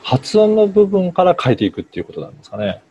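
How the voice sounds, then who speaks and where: A man hosting a podcast interview, asking questions briskly and nodding along with short replies. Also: high-pitched, huge pitch swings, warm tone, husky. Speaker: podcast host. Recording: dull lo-fi sound with faint music.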